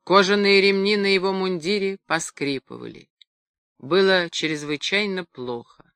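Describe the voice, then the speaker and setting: A woman narrating an audiobook in a calm, measured reading style. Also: medium pitch, smooth, no echo. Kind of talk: scripted narration.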